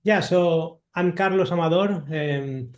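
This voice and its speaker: A Spanish composer, interviewed as a guest, speaks with a Spanish accent in a slow, fairly high-pitched voice, thoughtful and hesitant with many fillers. The conversation is recorded in an echoey room.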